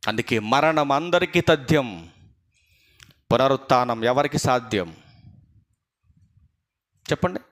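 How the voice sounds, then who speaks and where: A man's voice: medium pitch, a bit bright. A male preacher with a Telugu accent giving a sermon, keeping the congregation engaged with rhetorical questions and passionate appeals.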